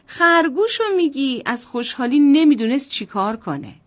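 A woman storyteller narrating a bedtime story to children in a sing-song voice, often addressing them directly. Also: on the high side.

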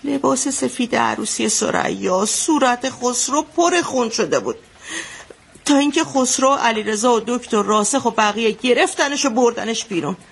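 A woman's voice: a little high, lively intonation, vocal fry, breathy edge, exaggerated voice. An actress playing an anxious mother who recounts a bloody wedding in a radio drama, telling it vividly. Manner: vivid storytelling, shouting out the quotes she retells.

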